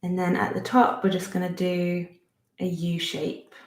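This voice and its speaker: An art teacher in her thirties with a Bristolian accent talks through a friendly step-by-step drawing lesson from her home studio desk, thinking aloud and teasing herself as she goes. Her voice sits on the low side, fairly monotone and a little slow, with a roomy sound to the indoor space.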